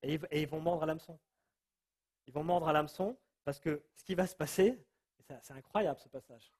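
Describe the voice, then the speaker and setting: A man giving an informal Bible teaching, telling the story in a lively way and acting out the people he quotes. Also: fairly high pitch, brisk. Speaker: preacher.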